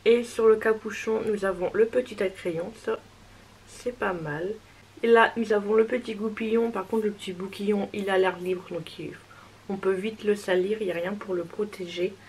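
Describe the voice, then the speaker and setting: A young woman with a medium-pitched voice chats through a makeup test. She is hesitant at times and reassuring. A faint hiss sits under the recording. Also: steady tone, moderate pace, low-quality recording. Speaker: beauty vlogger. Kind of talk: casual makeup review.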